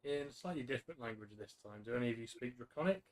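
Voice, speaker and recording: A man running a tabletop fantasy game as game master, narrating off the cuff in a halting, self-correcting way. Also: medium pitch, expressive, darkish tone.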